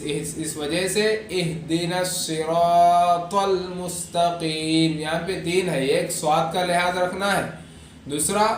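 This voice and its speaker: A male religious teacher, explaining pronunciation in a Quran recitation lesson and reciting verses slowly and drawn out. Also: sits high, fairly bright tone, slight background noise. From India. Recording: echoey room, distant mic.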